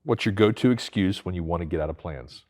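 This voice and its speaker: A man hosting an interview, firing off quick lightning-round questions in a playful, teasing way. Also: low-pitched, darkish tone. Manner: playful, teasing, laughs often. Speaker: interview host.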